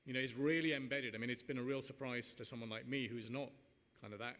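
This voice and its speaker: Man, panel moderator, mid-pitched, discursive and conversational, echoey hall, faint noise. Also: steady tone, quick pace, a bit bright. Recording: reverberant hall with background noise.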